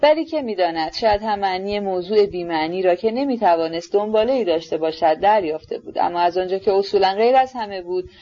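Mellow-voiced woman reading a novel aloud. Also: mid-range voice, expressive, hardly any pauses, muffled recording. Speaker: audiobook narrator. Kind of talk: scripted literary narration.

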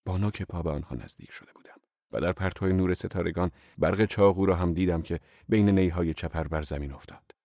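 A man with a very deep voice reads a novel aloud at a measured, even pace. The sound is dry and close, with no room around it. He tells the story plainly and keeps his delivery steady. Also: dry recording. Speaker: narrator. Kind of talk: audiobook narration.

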